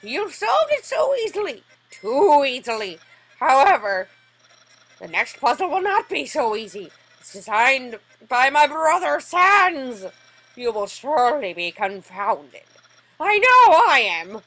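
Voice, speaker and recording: A woman voicing a loud, boastful skeleton man who loves puzzles, in a shouty, theatrical way. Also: high voice, very animated, slow pace, voice pushed up, exaggerated voice, rough recording.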